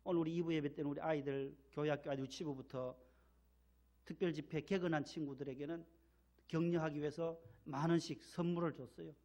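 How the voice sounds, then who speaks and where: Male Korean pastor, slightly high gravelly voice, emphatic repeating sermon delivery. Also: fairly even intonation, brisk, darkish tone. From Gyeongsang region, Korea. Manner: emphatic, repeats key words, leads call-and-response. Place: church sanctuary.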